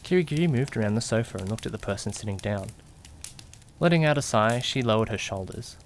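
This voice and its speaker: Brisk and lively in his intonation, a fairly low-pitched man narrates in first person, with slight noise in the background. His role is a detective's curious, jittery young companion in an amateur mystery audio drama, full of suspense and questioning asides. The mood is curious and suspenseful.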